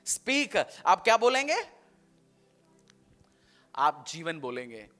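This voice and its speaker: High, bright-voiced male preacher. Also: takes it slowly, faint music behind. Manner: animated preaching, mixing English phrases; acts out quoted everyday speech. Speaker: pastor. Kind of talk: sermon.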